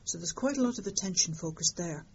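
Older woman, low husky voice, wry and animated storyteller, lo-fi interview. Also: quick pace. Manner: lively storytelling, fond of understatement. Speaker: interviewed astronomer. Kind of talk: conversational interview. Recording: dull lo-fi sound.

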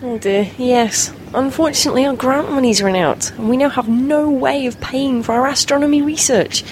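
A woman playing Meg, an earnest, curious young astronomer in a panto story, with a breathy voice. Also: sits high, normal speed, a little hiss or hum, lightly acted, low-quality recording. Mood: plain. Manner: wide-eyed, exclaiming, curious.

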